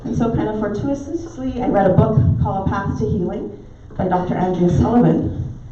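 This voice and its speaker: Recorded from a distance in an echoey pub dining room, the sound dull, a middle-aged woman from Barbados speaks as guest at a club meeting. A naturopathic doctor with a Barbadian accent softened by years in the US, she tells warm stories with filler ums at medium pitch and a little fast. Background noise is present.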